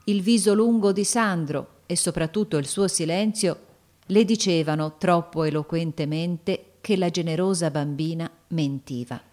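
A woman narrating a children's story aloud in a measured, expressive way. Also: fairly low pitch. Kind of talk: storybook reading.

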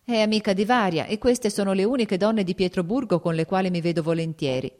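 A woman's voice: mid-range voice, darkish tone, natural voice. A woman voicing a reserved young male officer. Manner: measured, a little stern.

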